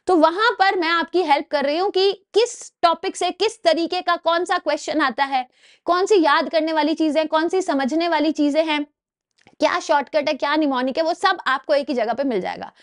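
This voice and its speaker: एक महिला रसायन शिक्षिका परीक्षा की तैयारी का लेक्चर देती है, हिंदी में अंग्रेज़ी शब्द मिलाकर, बीच-बीच में छोटे सवाल पूछती है, अंग्रेज़ी में भारतीय लहजा।. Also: female voice, high voice. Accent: Indian English. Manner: explains in Hindi mixed with English terms, asks quick check questions. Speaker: chemistry teacher. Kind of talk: exam-prep lecture.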